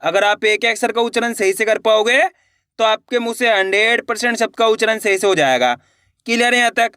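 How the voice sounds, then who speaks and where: A Hindi reading teacher giving an online lesson, sounding out words slowly syllable by syllable and encouraging viewers as friends. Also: mid-range voice, bright, forceful tone, clear, resonant tone, dry recording, clean studio sound.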